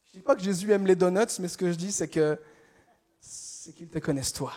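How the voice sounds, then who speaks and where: A young man from France delivers a sermon with a high-pitched voice. He tells stories in a lively, self-mocking way, often stumbling and restarting mid-phrase as he works up to his point. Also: a little fast. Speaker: preacher.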